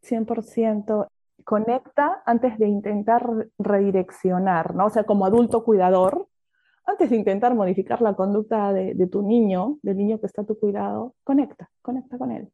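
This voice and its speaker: A woman's voice: medium pitch, moderate pace, dry recording. A woman hosting an interview podcast, affirming and summing up her guest's points. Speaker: podcast host. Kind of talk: casual interview conversation. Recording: dull lo-fi audio.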